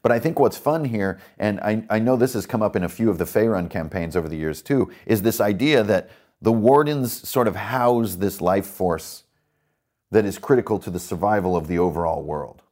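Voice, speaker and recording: A man with a low voice hosts a roleplaying game podcast. He rambles with enthusiasm about his setting, leaning on fillers and asides. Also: lively intonation, normal speed, a little mellow. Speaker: podcast host and dungeon master. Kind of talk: casual worldbuilding talk.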